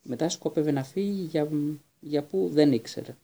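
Male audiobook narrator, very dark and husky tone, even reading pace. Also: a little high. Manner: steady reading with occasional restarts. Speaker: audiobook reader.

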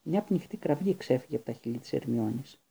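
A man reading a story aloud in a calm, measured way, his voice very dark and mellow. There is a gravelly, husky grain to every line. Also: medium pitch. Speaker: audiobook narrator. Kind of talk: scripted narration.

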